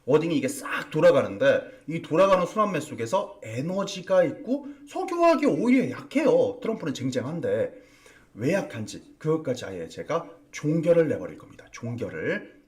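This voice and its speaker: A man's voice: a little high, sing-song, moderate pace, far from the mic. A man hosting a morning stock market commentary broadcast, emphatic and fond of repeating key words for stress. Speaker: stock market strategist and host. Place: broadcast studio.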